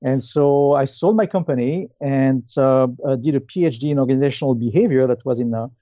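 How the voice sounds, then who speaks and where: A French company founder and CEO in his fifties answers interview questions as a guest, speaking conversationally but haltingly, with many pauses. His voice is medium-pitched and dark, with a French accent, and the audio is dull with no room sound.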